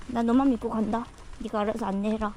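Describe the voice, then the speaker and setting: A woman with a high voice keeps up a chatty running monologue with the dog she is walking. She is recorded on a camera mic outdoors, with steady traffic and wind noise in the background. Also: fast. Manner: chatty, talks to the dog, mock-scared squeals. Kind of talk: casual self-talk monologue. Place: outdoors on a rural seaside road.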